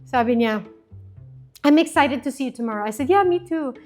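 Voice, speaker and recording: Brief: woman, 50s, high voice, animated storyteller in interview, switches languages. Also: a little fast, faint music behind. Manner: animated, mixes English and Filipino, acts out quoted lines. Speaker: interview guest.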